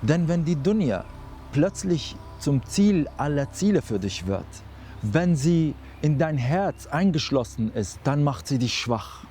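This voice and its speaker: A man's voice: a little high, very animated, unhurried, mellow, slight background noise. A young adult male preacher telling a vivid sermon story straight to the listener. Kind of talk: dramatic sermon.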